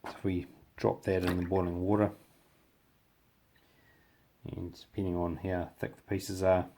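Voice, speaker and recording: A man with a New Zealand accent and a gravelly voice, giving a casual hands-on hobby demonstration in halting, unscripted phrases. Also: level tone, mellow. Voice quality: gravelly, low voice. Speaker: hobby tutorial presenter.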